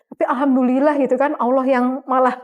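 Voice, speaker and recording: Chatty middle-aged woman, higher voice. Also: level tone, quick pace, narrow, tinny audio. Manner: chatty, laughs often, many fillers. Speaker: guest sharing her conversion story. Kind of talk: casual conversational interview.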